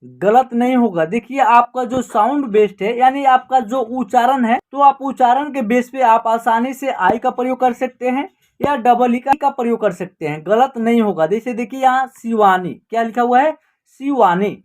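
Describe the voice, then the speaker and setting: A woman's voice: fairly high pitch, a little mellow. A woman teaching an online class in Hindi, spelling out words step by step and asking and answering her own questions. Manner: asks and answers her own questions, repeats each word slowly.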